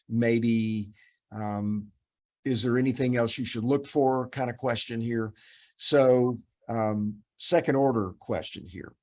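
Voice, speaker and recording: A man teaching a dermatopathology case review over a video call, explaining patiently with many fillers and restarts. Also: medium pitch.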